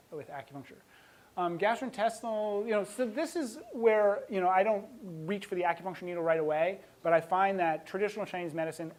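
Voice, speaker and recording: A man's voice: a little high, poor audio. A man, a veterinarian, giving a talk to an audience, telling stories with emotion and laughing often.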